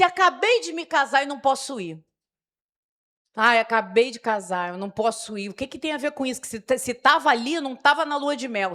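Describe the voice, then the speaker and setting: A middle-aged woman pastor, preaching a sermon and acting out people's excuses while she asks the congregation questions. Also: high voice. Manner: animated, asks the crowd questions and acts out excuses.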